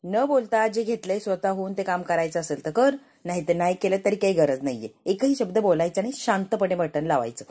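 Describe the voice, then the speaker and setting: A woman's voice: mid-range voice, lively intonation, a little fast, few pauses, dark tone, husky. A woman voicing a curt, irritated young man in a spoken retelling of a TV serial.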